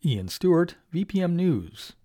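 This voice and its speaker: Man, radio news reporter, fairly high voice, scripted report, dry studio. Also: very animated, unhurried, warm tone, no room sound.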